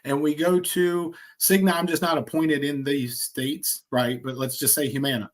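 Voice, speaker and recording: A man demonstrating insurance quoting software on a screen share, talking in an energetic, salesy way with quick asides. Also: fairly high pitch. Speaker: insurance agent trainer.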